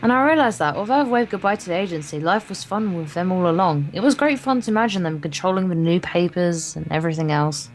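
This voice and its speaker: Reading the narration of a visual novel for a casual let's play, a woman with a lowish voice speaks quickly and expressively, barely pausing and occasionally stumbling. She's a guest co-player, and the rough recording carries slight hiss or hum plus the game's guitar music.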